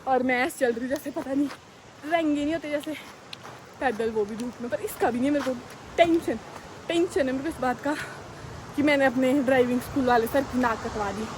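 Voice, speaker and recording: A young woman with a high, bright voice talks to her phone as she walks outdoors, chatty, self-mocking and a little dramatic. Faint traffic hums behind her. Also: a little fast. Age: young adult. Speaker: vlogger. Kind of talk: casual vlog talk. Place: outdoors on a road.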